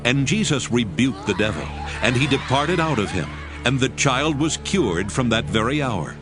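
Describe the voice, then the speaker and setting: A man narrating dramatized scripture in a measured, formal storytelling manner. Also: medium pitch, expressive. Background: music.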